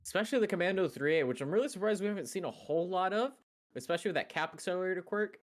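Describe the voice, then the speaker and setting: A man's voice: high voice, racing. A man giving casual, analytical commentary on a live game match as a co-caster.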